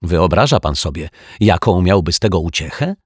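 A man reading an audiobook, voicing a fussy, gentle, earnest male detective who explains his suspicions at length. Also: low voice, lively intonation, moderate pace, breathy edge, no room sound, clean studio sound. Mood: conspiratorial.

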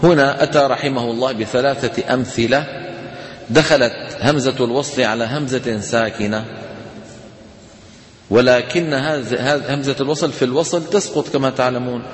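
Levantine teacher in an echoey hall. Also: male voice, mid-range voice. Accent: Levantine Arabic. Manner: conversational, asks students rhetorical questions; chants Quranic examples slowly. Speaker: Quran recitation teacher. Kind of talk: classroom lesson on tajweed.

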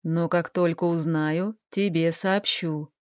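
A woman voicing a menacing, calm middle-aged man who speaks slowly and mockingly. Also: no echo, clean studio sound. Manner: slow, low, sneering.

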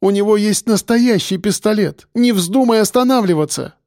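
A man's voice: sits high, moderate pace, dark tone, dry recording, studio quality, voice pushed up. A man voicing a frightened young woman on the run, breathless and pleading. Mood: screaming. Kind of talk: audiobook character voice.

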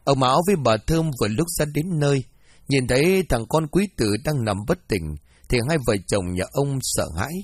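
A man reads a horror tale aloud, his voice husky and a little breathy. The sound is dry and close, with a steady storytelling pace. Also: mid-range voice, moderate pace, no echo. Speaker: narrator.

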